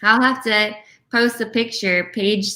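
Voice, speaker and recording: A woman's voice: mid-range voice, unhurried, sharp tone. A woman chatting casually as co-host of an online bingo game. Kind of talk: casual chat.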